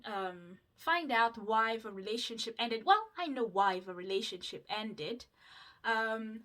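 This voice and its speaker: This vlogger is a woman in her twenties from Mauritius who grew up speaking Mauritian Creole. Her voice is a little high and fairly bright as she talks easily to her audience through her skincare routine, full of fillers and side remarks.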